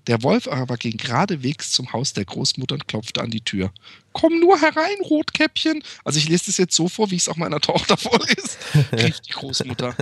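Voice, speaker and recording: A man's voice: mid-range voice, animated, fairly quick, fairly bright tone, breathy edge. A young man reading a fairy tale aloud and interrupting with sarcastic, crude asides.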